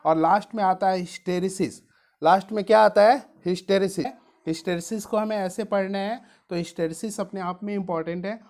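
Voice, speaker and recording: A female physics teacher talks a little fast, her medium-pitched voice a bit mellow and fairly even in intonation. Her exam study-guide lesson covers how to tackle a chapter, with English science terms mixed in, frequent mentions of dear students, and constant stress on what's important.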